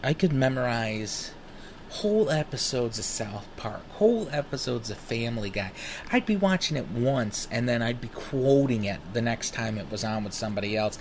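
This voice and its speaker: Animated thirty-year-old man telling stories. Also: mid-range voice, normal speed, a little hiss or hum. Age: 30s. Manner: animated, rambling, swears freely. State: smoking while talking. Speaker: vlogger. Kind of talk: casual personal storytelling.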